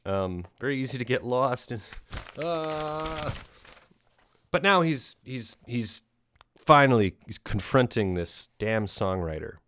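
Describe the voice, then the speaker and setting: A man's voice: mid-range voice, animated, takes it slowly, fairly bright tone, no room sound. A man hosting a podcast, chatting casually about a film in a rambling way, with lots of fillers, restarts and casual swearing. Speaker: podcast host.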